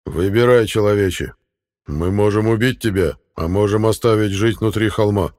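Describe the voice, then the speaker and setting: A man voicing a male fairy ruler who speaks in a measured, commanding way. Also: on the low side, a little mellow, natural voice. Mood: stern.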